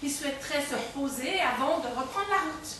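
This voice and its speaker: An actress playing a scheming, quick-witted novice nun with a lively, playful manner. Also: female voice, high-pitched, recorded from a distance. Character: scheming, fast-talking young novice nun. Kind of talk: stage comedy acting. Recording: echoey stage heard from afar, faint noise.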